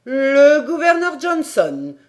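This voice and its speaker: A woman voicing an excitable middle-aged male French geographer who bursts into loud, fussy exclamations. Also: medium pitch, unhurried. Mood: excited.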